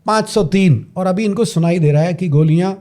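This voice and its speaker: A man tells a story on a podcast, dramatic and full of emphatic repeats. His voice sits high but sounds mellow and soft at the edges. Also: a little fast. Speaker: podcast guest, parenting coach.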